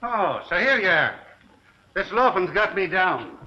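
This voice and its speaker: High-voiced grumbling 1930s wise guy. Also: very animated, unhurried, bright, forceful tone, heavily acted. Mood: teasing, grumbling. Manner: slangy, grumbling, teasing. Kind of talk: 1930s film acting. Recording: dull, hissy vintage film soundtrack.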